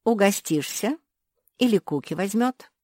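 A woman voicing a kind, polite seamstress who talks gently. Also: medium pitch, animated, a little slow, dry recording, studio quality, voice pushed up. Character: kind, practical female seamstress, gentle caretaker.

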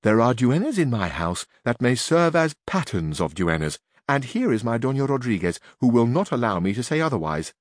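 A man's voice: mid-range voice, very animated, normal speed, hardly any pauses, dry recording, studio quality, close to an everyday voice. A man reading aloud and voicing a gracious duchess who chides courteously. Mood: chiding. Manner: courteous, gently chiding. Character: gracious noble duchess, teasing.

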